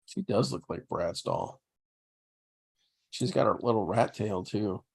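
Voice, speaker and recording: A man co-hosting a casual watch-along livestream, making joking asides and quick reactions. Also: lowish voice, vocal fry, breathy edge, no echo. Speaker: podcast co-host.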